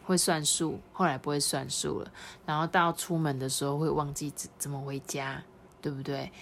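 A mother gently reading a picture book to her child in a sing-song storytelling way, then asking the child questions. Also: sits low, a little hiss or hum.

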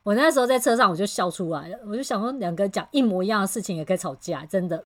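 A woman, a communication trainer and podcast host, explaining ideas in casual chat and telling stories with animated patience. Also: mid-range voice, very fast.

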